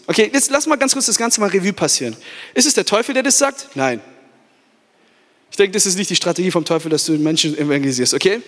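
A man's voice: high voice, animated, quick pace, a bit bright. Man, youth pastor, fervent sermon, asks the crowd for amens, English words mixed in, church hall echo.

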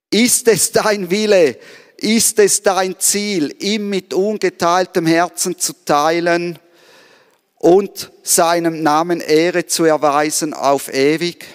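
Earnest high-voiced male preacher, reverberant hall. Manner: earnest, asks the listener direct questions. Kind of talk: sermon. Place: church service.

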